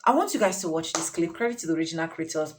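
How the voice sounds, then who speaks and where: A woman's voice: sits low, animated, racing, background noise. A woman hosting her own online commentary show, talking emphatically and repeating phrases for stress. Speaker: commentary channel host.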